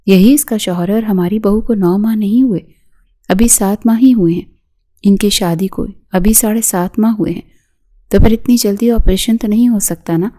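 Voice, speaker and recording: A woman's voice: medium pitch, warm tone, natural voice. A woman doing a scolding, domineering mother-in-law. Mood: anxious. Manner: scolding, hissing with anger.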